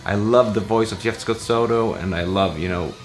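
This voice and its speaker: A man, a musician, answering viewer questions in a relaxed, rambling way full of fillers. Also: lowish voice, moderate pace, soft background music. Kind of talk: casual Q&A vlog.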